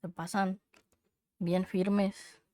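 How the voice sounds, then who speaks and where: Female cute anime streamer for casual reactions; relaxed tempo, very dry recording. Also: medium pitch, very slow, dry recording.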